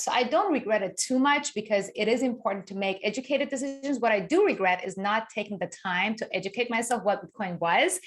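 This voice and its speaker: A woman's voice: medium pitch, a bit bright. A woman from Iran, a guest author giving an enthusiastic webinar talk over a remote call microphone, explaining with frequent restarts. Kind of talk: webinar presentation.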